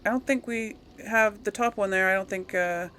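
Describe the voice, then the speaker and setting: Her medium-pitched voice has a sharp edge and fairly even intonation, delivered at a normal speed. She's a woman hosting a casual gaming let's play, talking to viewers with rambling, hesitant giggles and slipping into role-played replies.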